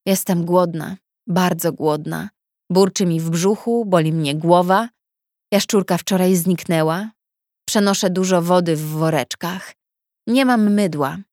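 Female audiobook narrator, measured and subdued, unhurried first-person reading, dry close mic. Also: on the low side, no echo.

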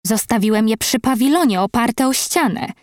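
A woman voicing a gruff, angry male groundskeeper who growls and grumbles. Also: a little high, animated, normal speed, a little mellow, dry recording, studio quality, lightly acted.

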